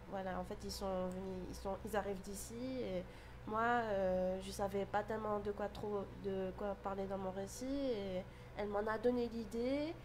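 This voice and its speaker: A young woman university student answering interview questions hesitantly, with many pauses and fillers. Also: mid-range voice, background noise. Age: young adult.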